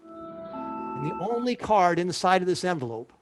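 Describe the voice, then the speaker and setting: High-voiced man performing magician patter. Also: very animated, unhurried, music in the background. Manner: repetitive step-by-step build-up to a reveal. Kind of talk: magic trick stage patter.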